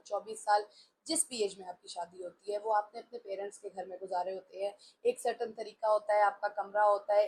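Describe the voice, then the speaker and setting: A woman's voice: medium pitch, darkish tone, a little hiss or hum, poor audio. A woman in her forties talking candidly about her own life, mixing English phrases into her Hindustani speech. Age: 40s. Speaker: talk show host. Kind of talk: personal reflective talk.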